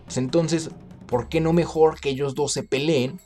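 A man's voice: on the high side, fairly even intonation, moderate pace, dark tone, faint music behind, lightly acted. A man voicing a group of ancient male warriors proposing a truce in a storytelling piece. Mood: reasoning.

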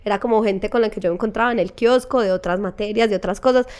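A woman's voice: medium pitch, quick pace, clear, resonant tone. A young woman with a Medellín accent, a guest in a casual interview, telling stories animatedly and acting out what people said. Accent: Colombian, Medellín. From Colombia. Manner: animated, acts out quoted voices. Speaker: guest, assistant director.

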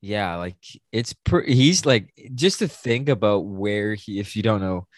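A man's voice: fairly low pitch, measured pace, no echo, clean studio sound. A man co-hosting a podcast, chatting casually in a joking, slangy way. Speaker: podcast co-host. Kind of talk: casual chat.

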